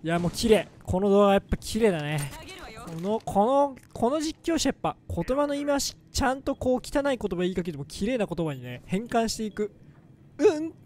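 Excitable, jokey man voicing game commentary. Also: high voice, fairly quick. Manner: excitable, jokey, bursts into loud yelps during fights. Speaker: gaming commentator. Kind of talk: let's-play game commentary.

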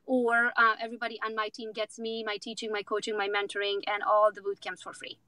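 A woman's voice: mid-range voice, completely flat delivery, a little fast, bright, forceful tone, no room sound, rough recording. A woman from Romania, a real estate agent in her thirties, talking outspokenly and with jokes as a guest in a casual interview. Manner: outspoken, confident, joking.

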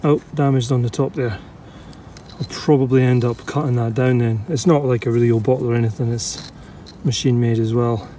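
Out at a dig site, a Scottish man who digs for old bottles and vlogs it talks to camera, chatty and keen, thinking aloud while sometimes breathless. He has a mid-range, mellow voice with a steady tone and a fairly quick pace. Some slight background noise is audible.

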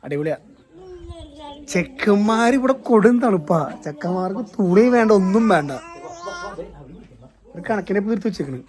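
Upbeat high-voiced man vlogging. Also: expressive, normal speed, long pauses, darkish tone. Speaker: family vlogger. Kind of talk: casual vlog commentary. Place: resort on a hill trip. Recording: echoey with music behind.

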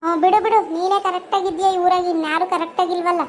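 A voice actor doing a sarcastic sharp-tongued village woman. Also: very high voice, level tone, fast talker, slight background noise. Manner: sarcastic, defensive. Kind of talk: cartoon voice acting.

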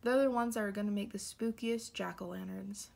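A woman's voice: medium pitch, fairly even intonation, fairly quick, vocal fry, darkish tone, slight background noise. A woman voicing an eager father bear who gets carried away with holiday plans, reading him in a storybook.

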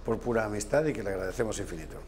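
Low-voiced man, wry TV studio guest. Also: animated, rapid-fire, darkish tone, slight background noise. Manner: discursive, digressive, wry asides. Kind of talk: TV studio discussion. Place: TV news studio. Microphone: lapel mic.

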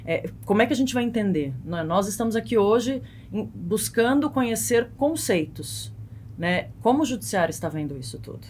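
A Brazilian-accented woman in her thirties talks as an expert podcast guest, explaining things conversationally and often checking in with short tag questions. Her mid-range voice is animated and a little mellow, at normal speed, with slight background noise. She's recorded on a close studio mic on a boom arm in a small foam-padded podcast studio.

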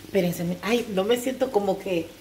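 A woman's voice: medium pitch, moderate pace, darkish tone, slight background noise. An older woman hosting a casual cooking vlog at home, chatting to her viewers as she cooks. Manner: chatty, talks to viewers as "chicas". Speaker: cooking channel host. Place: home kitchen. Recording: echoey kitchen with clattering pots.

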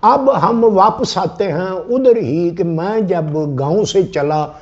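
A man, talking in a rambling comic village manner in a health talk. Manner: slow, rambling storyteller with lively swings in pitch. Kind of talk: rustic comic banter. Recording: dull lo-fi sound.

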